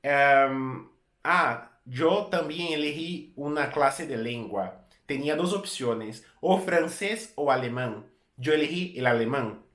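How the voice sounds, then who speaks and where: Speaking slowly in a mid-range voice, this travel vlogger casually recounts a story to camera from an echoey room. He's a Brazilian man in his thirties whose native language is Portuguese, with a Brazilian accent, and he keeps repeating and fixing words partway through sentences in his easygoing way.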